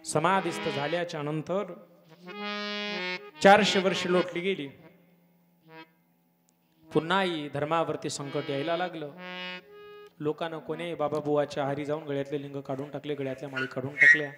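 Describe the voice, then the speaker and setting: Man, devotional kirtan sermon, fervent, higher voice, reverberant hall, instruments behind. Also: little pitch movement, moderate pace, pauses often, over music. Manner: fervent, rising to loud exclamations. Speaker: kirtan preacher. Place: village religious gathering. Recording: long hall reverb with harmonium and tabla.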